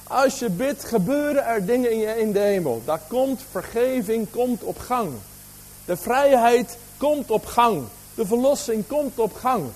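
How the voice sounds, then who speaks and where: A man's voice: very high voice, lively intonation, normal speed, a little mellow, rough recording. A man preaching a sermon, asking the congregation questions, with a slight cough.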